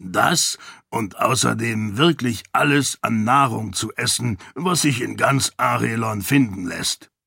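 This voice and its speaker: Man voicing a gruff jovial dad, deep and scratchy, dry close sound, audiobook. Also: unhurried, hardly any pauses, pushed and bright, no echo, full character voice. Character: gruff, good-humoured father with a deep, scratchy voice.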